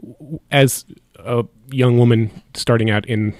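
A man's voice: medium pitch, steady tone, slow pace, a little mellow, no room sound. A man hosting a podcast interview, asking questions hesitantly with many restarts. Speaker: podcast host. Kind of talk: casual interview.

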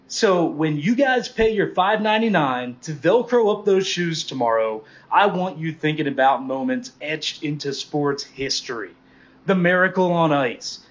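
A man's voice: a little high, natural voice. A man playing a bombastic, cocky coach who delivers a grandiose, sweary, comedic halftime pep speech to his team. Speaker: coach giving pregame speech.

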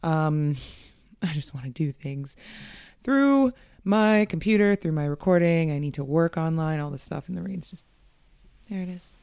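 A woman's voice: low voice, expressive, moderate pace, vocal fry, darkish tone, smooth, dry recording, studio quality. A young woman hosting a casual solo podcast, chatty and candid, often laughing and swearing. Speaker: podcast host.

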